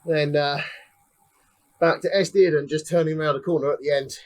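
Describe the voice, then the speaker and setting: Slightly breathless, a young ride leader chats through live commentary on a cycling race from the saddle, naming finishers one by one. His voice is a little high and a little mellow, steady in tone at a normal speed. There's a little hiss or hum in the audio.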